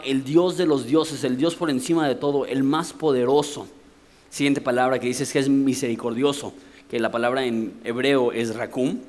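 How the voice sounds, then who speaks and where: A man's voice: medium pitch, a little mellow. A Mexican man preaching a sermon from the pulpit, explaining things in a conversational way and asking rhetorical questions. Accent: Mexican Spanish. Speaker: pastor.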